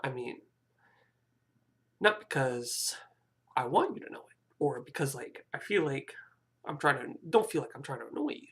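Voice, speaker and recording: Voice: mid-range voice, sing-song, normal speed, pauses often, fairly bright tone, breathy edge. A young adult of about twenty vlogging a rambling, hesitant personal confession, often apologizing and restarting sentences.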